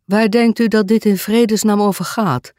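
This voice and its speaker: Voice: mid-range voice, steady tone, moderate pace, darkish tone, no echo, studio quality, pitched above the performer's own voice, natural voice. A storyteller voicing a complaining male parish priest in an audiobook mystery, speaking in a raised, aggrieved tone. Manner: aggrieved, fussy.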